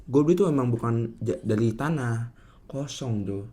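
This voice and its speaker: A young man speaks with a Jakarta Indonesian accent and cannot roll his R, which comes out soft and lisped. He tells his story casually, in slang, hesitating and rambling as he goes. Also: medium pitch, moderate pace. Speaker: podcast guest.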